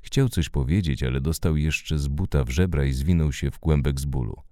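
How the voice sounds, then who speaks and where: A man narrating an audiobook story in a measured, expressive way. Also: extremely low pitch, dry recording, clean studio sound.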